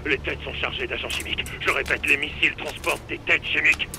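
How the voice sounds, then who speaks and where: A soldier on military radio. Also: male voice, fairly high pitch, fairly even intonation, quick pace, noisy background. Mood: urgent. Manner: urgent, clipped radio calls. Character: male soldier calling all units by radio. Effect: military radio transmission. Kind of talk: French video game dub. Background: game music.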